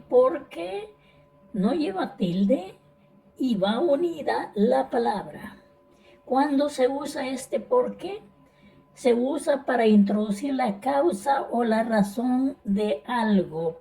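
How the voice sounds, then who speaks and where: A woman grammar teacher who talks slowly and patiently, going over each point more than once. Her voice is mellow and somewhat high. She sounds a little distant from the mic. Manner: patient, repeats points, checks with "¿verdad?". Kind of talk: slow classroom explanation.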